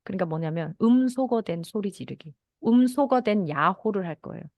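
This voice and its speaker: A woman giving a lecture to teachers on children's feelings, gently acting out soothing lines a teacher would say to a child. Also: medium pitch, animated, normal speed, no room sound, studio quality. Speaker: mindfulness and parenting educator.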